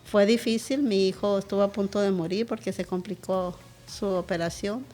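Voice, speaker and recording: A woman's voice: mid-range voice, steady tone, moderate pace, mellow. A woman pastor, a guest in an interview, recounting a personal testimony in a vivid, emotional way.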